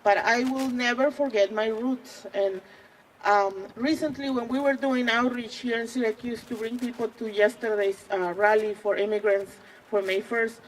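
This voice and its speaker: A woman in her forties with a Mexican accent, giving an earnest rally speech as a community organizer, pausing often with fillers. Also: fairly high pitch, fairly even intonation, a little hiss or hum, rough recording. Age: 40s. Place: outdoors at a public rally.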